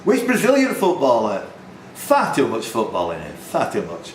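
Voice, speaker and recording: His mid-range voice swings hugely in pitch as this quiz host reads questions at a moderate pace. He's running a pub quiz in a tavern room, tossing in chatty, teasing jokes. The recording has a roomy, faintly noisy live feel.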